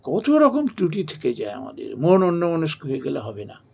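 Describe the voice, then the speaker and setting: A man giving a slow, measured devotional talk and chanting verses. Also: on the high side, huge pitch swings, vocal fry, darkish tone, slightly rough. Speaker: spiritual speaker.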